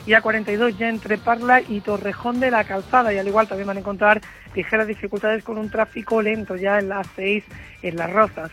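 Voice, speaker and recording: A male traffic reporter giving a brisk, monotone road update. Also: high voice.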